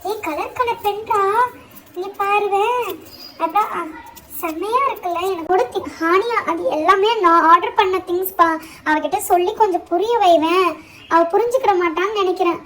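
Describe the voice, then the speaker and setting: Excited, chattering schoolgirl doll , a woman voicing, pitched very high. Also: moderate pace, a little hiss or hum, rough recording. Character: cheerful excited schoolgirl Hafsa. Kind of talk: doll show role-play.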